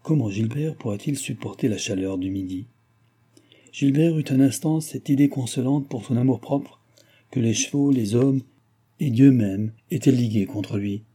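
A man narrating a classic novel as an audiobook, in a dramatic, measured way. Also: mid-range voice, mellow, slightly rough.

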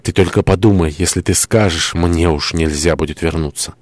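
A man's voice: deep voice, fairly even intonation, normal speed, darkish tone, no echo, close to an everyday voice. A man voicing a tormented young lover in an audiobook, speaking fervently and pleadingly.

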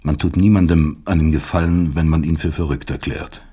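In a German radio play, an actor portrays a proud, bitter older East German psychiatry professor who is articulate, lecturing and sardonic, sounding defensive yet dignified. The male voice is rumbling low, mellow and slightly rough, brisk and fairly even in intonation.

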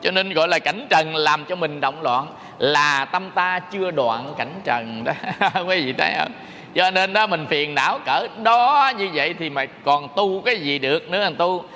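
A man's voice: fairly high pitch, expressive, moderate pace, sharp tone. A man, a Buddhist monk giving a folksy sermon and quizzing his listeners with rhetorical questions. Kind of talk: dharma talk sermon. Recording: reverberant hall with faint noise.

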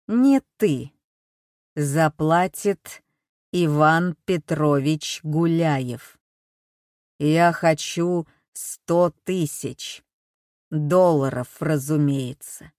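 Booming metallic robot kidnapper on the phone, put on by a female audiobook reader: low, slow, loud, mocking menace. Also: no echo, clean studio sound. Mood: demanding. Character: menacing male kidnapper with a mechanical distorted voice. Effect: mechanical, metallic voice-changer over the phone. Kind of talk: audiobook reading.

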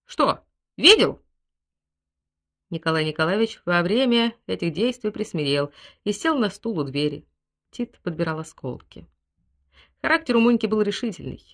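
A woman reading a novel aloud as audiobook narrator, with expressive, dramatic delivery. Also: on the low side, moderate pace. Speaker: audiobook reader. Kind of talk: scripted literary narration.

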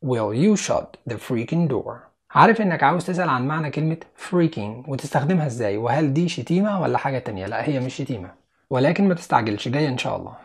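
Egyptian-accented male tutor, medium-pitched, patient step-by-step explainer who talks to the viewer directly. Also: lively intonation, racing. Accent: Egyptian Arabic. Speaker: English teacher. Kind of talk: online language lesson.

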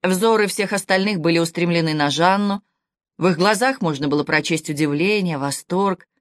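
A woman narrating a historical novel as an audiobook, measured, unhurried and expressive, close to the mic. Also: lowish voice, no room sound. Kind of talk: scripted literary narration.

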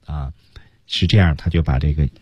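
A man's voice: rumbling low, steady tone, normal speed, a little mellow, husky, no echo. A man teaching English on a radio lesson, explaining phrases and acting out example lines with big swings in intonation. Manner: demonstrates English lines with exaggerated rising intonation.

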